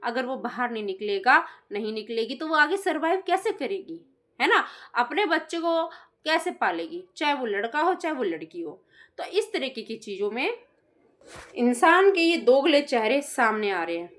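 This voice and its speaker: A woman's voice: sits high, sing-song, moderate pace, a bit bright. A woman giving casual opinion commentary in a reaction video, indignant and scolding, often quoting others mockingly.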